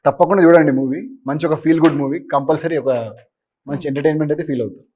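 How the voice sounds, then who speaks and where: Director guy promoting his movie, earnest, talks super fast, kinda high voice. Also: fairly even intonation, a little mellow. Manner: earnest, explains at length with fillers. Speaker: film director. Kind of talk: promotional interview answer.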